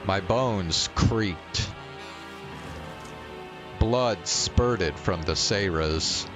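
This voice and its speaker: Streaming a visual novel, a deep-voiced man narrates its first-person text dramatically, in measured, deliberate phrases. Music plays in the background.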